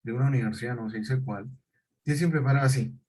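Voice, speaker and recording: A man teaching a conversational class speaks at a quick pace in a medium-pitched, dark voice with a breathy edge. He tells chatty anecdotes, corrects himself repeatedly, and laughs mid-story.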